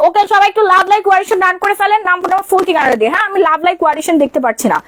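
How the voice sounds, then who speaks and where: A Bangladeshi woman runs a live-stream sale, her voice pitched very high. She delivers a rapid-fire sales pitch, repeating prices and urging viewers to order. The sound is dry and close, with no room echo. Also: a bit bright. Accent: Bangladeshi Bengali. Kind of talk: live-stream product selling. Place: shop or stockroom during a live stream.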